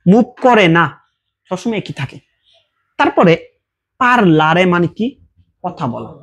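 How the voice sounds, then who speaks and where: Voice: mid-range voice, animated, measured pace. A teacher giving a casual language lesson, explaining verb forms patiently with repeated examples and check questions.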